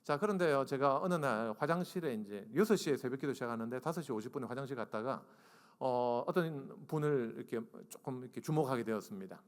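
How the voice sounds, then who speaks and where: A man's voice: medium pitch, fast talker. A man in his forties, a seminary professor preaching to a congregation, tells a funny story and acts out the dialogue. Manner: animated, acts out dialogue and asks the congregation to raise hands. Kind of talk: humorous storytelling sermon. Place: church sanctuary. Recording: long reverb of a church sanctuary.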